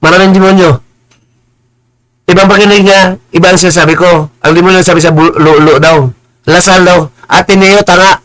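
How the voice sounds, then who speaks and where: A man ranting on a live stream, combative and insulting, stumbling over and repeating his words and slipping into slow, preachy English phrases. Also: high-pitched, fairly even intonation, fairly bright tone, poor audio. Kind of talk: heated live-stream rant.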